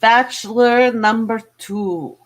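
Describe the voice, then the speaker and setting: In an improv dating-game comedy sketch, a woman plays a dramatic Russian bachelorette, using a put-on Russian accent as the contestant picking a band. She sounds haughty and coy, speaking slowly with a voice on the high side.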